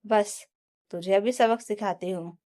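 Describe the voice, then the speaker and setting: A woman's voice: mid-range voice, steady tone, unhurried, warm tone, natural voice. A woman voicing a taunting, bossy mother-in-law. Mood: angry. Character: stern scheming middle-aged mother-in-law.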